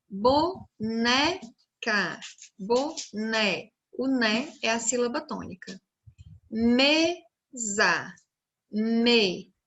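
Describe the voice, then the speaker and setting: A woman teacher with a Brazilian Portuguese accent records a video lesson for young children. Her voice sits a little high, and she speaks slowly and clearly, drawing out each syllable as she sounds words out. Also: a bit bright.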